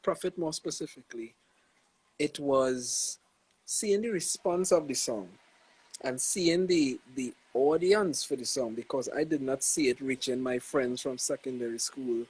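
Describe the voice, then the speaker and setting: The recording is low quality, carrying a young Trinidadian-accented man's medium-pitched, darkish voice with a breathy edge. A gospel artist from Trinidad and Tobago, he reflects casually in a live-stream interview, relaxed and slangy with plenty of "you know"s.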